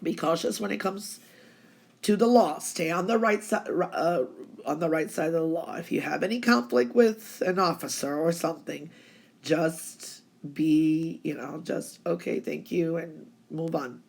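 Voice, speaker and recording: Low, a bit slow, and a little mellow with vocal fry, this hoarse voice belongs to a psychic with laryngitis. She offers a reassuring, chatty tarot-style reading for the week, peppered with "okay."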